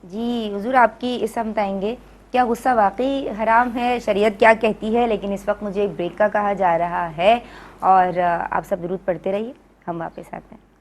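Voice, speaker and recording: A woman's voice: medium pitch, steady tone. A woman hosting a live religious TV show, polite and formal, with brief acknowledgements and greetings. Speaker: host.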